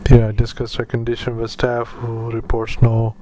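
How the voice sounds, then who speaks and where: A man speaking as a doctor doing medical dictation, in halting, clipped phrases with spoken punctuation. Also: medium pitch, monotone, warm tone. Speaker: doctor dictating clinical notes.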